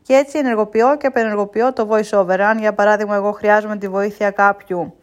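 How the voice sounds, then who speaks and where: A woman giving a casual spoken tutorial, explaining step by step and pausing often with hesitation sounds. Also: mid-range voice, steady tone. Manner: unhurried explaining with frequent hesitations. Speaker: instructor.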